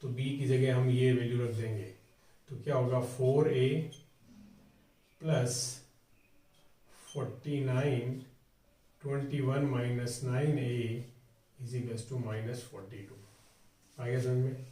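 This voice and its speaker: Male math tutor, talks himself through each step, dark unhurried voice, distant mic in a roomy space. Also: mid-range voice, level tone. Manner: talks through each step, asking and answering his own questions. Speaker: math teacher. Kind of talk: board exam math tutorial. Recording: echoey room, voice from far off.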